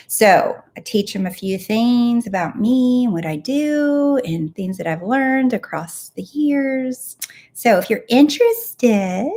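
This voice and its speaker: A woman hosting a casual live-stream Q&A as a manifestation coach, talking in an upbeat, emphatic way with blunt asides. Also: mid-range voice. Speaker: manifestation coach and show host.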